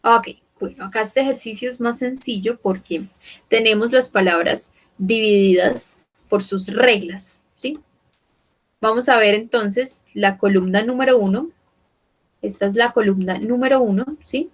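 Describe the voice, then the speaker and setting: A young adult woman teaching English online, mixing Spanish explanations with English words she repeats slowly twice. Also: a little high. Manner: slow, repeats each word twice, checks with "¿ok?" and "¿sí?"; switches between Spanish and careful English.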